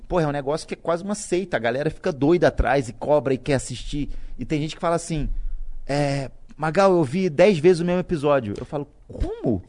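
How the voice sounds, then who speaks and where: A man's voice: on the high side, fast talker. A Brazilian man telling stories in a casual podcast chat, rambling and slangy. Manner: rambling, slangy, animated storytelling. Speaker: comedian and podcast guest.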